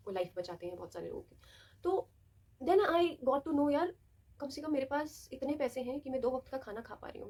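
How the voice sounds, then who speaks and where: Her fairly high voice is a little mellow and slightly rough. She is a young adult hosting a casual motivational video to camera, explaining things expressively and playing out small scenes along the way.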